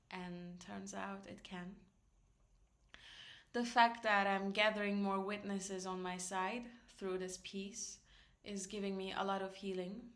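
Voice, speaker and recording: Fields: Sex: woman. Role: filmmaker. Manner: earnest, slow. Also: medium pitch, a bit bright. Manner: earnest, deliberate. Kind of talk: recorded personal message.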